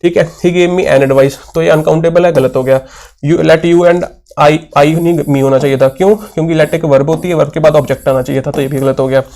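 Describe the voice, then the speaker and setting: Young guy explaining english grammar for exam prep, kinda high voice, reads the questions out slow. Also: fairly even intonation, darkish tone. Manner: explains patiently, asks and answers his own questions; mixes Hindi with English terms, reads questions slowly. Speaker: English teacher. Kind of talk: exam-prep lesson, solving questions aloud.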